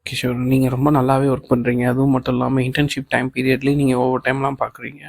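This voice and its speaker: A man's voice: mid-range voice, fast, vocal fry, dry recording. A man reading a kind, encouraging boss. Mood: reassuring. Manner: calm, reassuring talk mixing English phrases. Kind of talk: audiobook reading of a novel.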